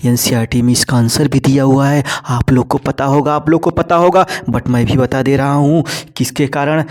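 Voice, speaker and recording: A man's voice: medium pitch, fairly even intonation, normal speed, darkish tone. A man teaching a biology lesson for exam students in mix, repeating key terms and answering his own questions. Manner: talks to students as "bhai sahab" and "beta". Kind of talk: exam-prep lecture.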